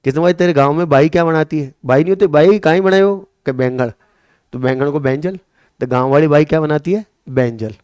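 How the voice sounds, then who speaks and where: A coaching-class teacher from Rajasthan, India, speaks Hindi with a Marwari tinge in a fairly high, brisk, clean voice with no echo. Lively, he lectures using memory tricks, quizzing students by repeating questions and answering them.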